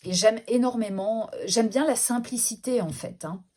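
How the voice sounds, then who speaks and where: A woman's voice: fairly high pitch, normal speed, darkish tone. A woman, chatting casually as she presents her collection in a vlog, with frequent hesitations and self-corrections. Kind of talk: casual show-and-tell vlog.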